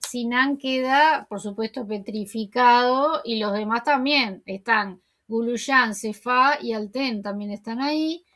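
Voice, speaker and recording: A woman's voice: high-pitched, a bit bright. A woman host casually retelling a TV episode, chatty and conversational, with frequent asides. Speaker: TV series recap host.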